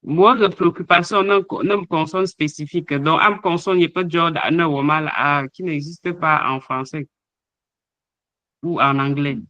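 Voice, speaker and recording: A man's voice: a little high, fairly even intonation, normal speed, bright, forceful tone, no echo, highs cut off. A man teaching an online language lesson, hesitating often with fillers as he sounds out letters and example words. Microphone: online call microphone.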